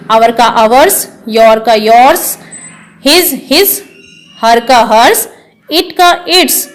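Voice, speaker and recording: A woman teaching English grammar to children, explaining in Hindi and reading English examples slowly, often asking if it is clear. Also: fairly high pitch, slight background noise. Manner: checks understanding with quick questions.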